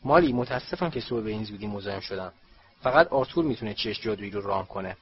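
A man voicing a brisk middle-aged wizard official who talks in a hurried, chatty way. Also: lowish voice, expressive, lightly acted. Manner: hurried and talkative. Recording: slightly dull, faint hiss.

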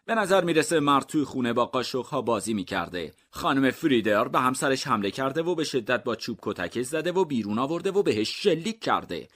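Deadpan male mystery-story narrator. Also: medium pitch. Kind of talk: comic mystery story reading.

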